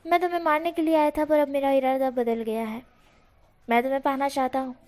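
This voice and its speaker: A woman voicing a sly, flirting male fox spirit with a slow, teasing drawl, in a storybook reading. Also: high-pitched, fairly even intonation, a little mellow, lightly acted.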